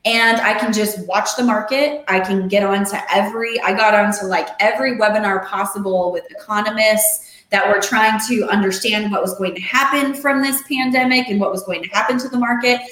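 A middle-aged woman talking casually as a podcast guest, animated, acting out the voices she quotes. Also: medium pitch, brisk, few pauses, roomy sound, poor audio. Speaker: podcast guest, real estate investor and coach. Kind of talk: casual interview chat.

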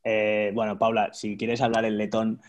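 A man from hosts a casual podcast in a halting way, often repeating his words. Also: lowish voice, monotone. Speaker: host, coach.

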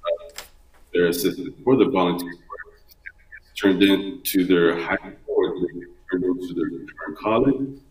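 A very deep-voiced man speaking over a video call whose sound breaks up and loops with echo. He comes across distant and muffled, as if from across a room on a lo-fi line. His delivery is halting and full of fillers. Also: a little mellow. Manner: halting, many ums and uhs. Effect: breaking-up echoey video-call audio. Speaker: guest event organizer. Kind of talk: remote interview, promoting an event. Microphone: laptop on a video call.

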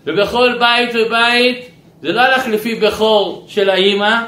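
A man teaching a Torah lesson as a rabbi, animated and asking his listeners questions. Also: extremely high pitch, reverberant, rough recording.

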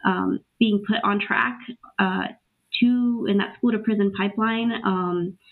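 A young adult woman from Peru, raised in Los Angeles, speaking reflectively as a podcast guest with many pauses and restarts. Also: medium pitch, steady tone. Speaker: guest, racial equity educator. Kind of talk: casual interview talk. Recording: tinny phone-like line.

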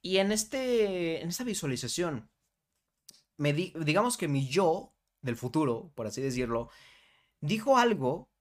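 A man's voice: on the high side, sing-song, measured pace. Man hosting a motivational podcast. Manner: warm conversational, frequent "¿vale?" and "¿no?" tags; guides listener through affirmation exercise. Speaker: podcast host.

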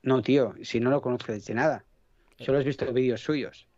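A man's voice: mid-range voice, fairly even intonation, moderate pace, a little mellow, dry recording, highs cut off. A man from Catalonia with a faint Catalan accent, chatting as a podcast guest, rambling, hunting for words and swearing casually. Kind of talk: casual chat.

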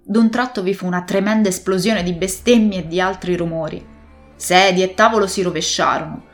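A woman's voice: fairly low pitch, fairly quick, faint music behind. Woman narrating a classic adventure tale. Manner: steady, expressive storytelling. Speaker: audiobook narrator. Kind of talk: scripted narration of a classic novel.

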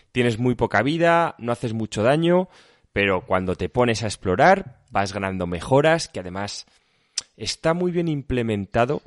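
A man's voice: mid-range voice, dry recording. Dry-sounding Andalusian man chatting. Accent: Andalusian Spanish. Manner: emphatic, colloquial, swears casually. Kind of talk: casual chat about video games.

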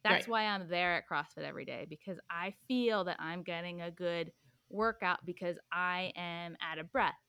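A young woman with a somewhat low voice chatting as a podcast guest. She rambles loosely and leans on filler words as she explains things. The sound is dry and close, with little room around it. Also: moderate pace, bright, forceful tone, clean tone, no echo. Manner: rambling, full of "like" and "um". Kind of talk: casual chat.

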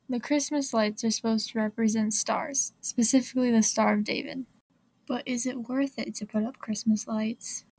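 A woman reads a prepared talk with dry, deadpan humor. Her voice sits a bit high and stays flat in pitch. It sounds close and dry. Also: no echo, rough recording. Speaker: presenter. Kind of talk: scripted informative talk.

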